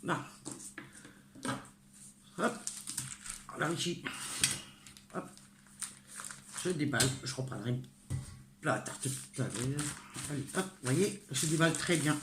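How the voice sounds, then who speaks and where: In a deep voice with lively intonation, an older woman from northern France takes her time explaining a recipe in her home kitchen, pausing often and using many fillers as she chats warmly with the viewer. Background noise fills the echoey room: clinking cutlery, pots and clattering dishes.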